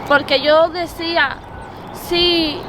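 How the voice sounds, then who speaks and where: High-voiced young Dominican woman, hesitant. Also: steady tone, takes it slowly. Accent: Dominican Spanish. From Dominican Republic. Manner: earnest, hesitant, with many fillers and repeated words. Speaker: interview guest, preacher. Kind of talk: personal testimony interview. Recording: noisy outdoor recording with traffic.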